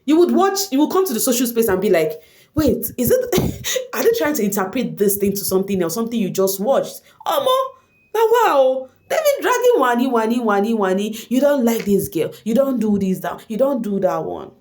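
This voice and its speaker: With a slightly high voice at normal speed, a woman who grew up speaking Igbo comments on reality show gossip online in a Nigerian accent. She's animated and casual, addressing viewers directly and mixing in Pidgin slang.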